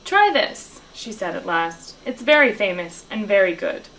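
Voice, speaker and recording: A woman reading a children's novel aloud, telling the story in a lively way and raising her voice for the characters' lines. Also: moderate pace, slight background noise, low-quality recording. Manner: lively storytelling, lifting her pitch for dialogue. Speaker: reader.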